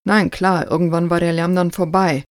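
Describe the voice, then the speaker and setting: A woman's voice: on the low side, flat delivery, normal speed, no echo, studio quality, close to an everyday voice. A woman reading aloud the lines of an eager, slyly ambitious man who wants to write a bestseller. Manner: read aloud with light emphasis.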